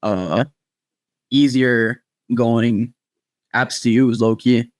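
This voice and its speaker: A man's voice: mid-range voice, fairly even intonation, drawn-out words, dry recording. Man joking in casual street slang. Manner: slangy, swearing. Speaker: podcast co-host.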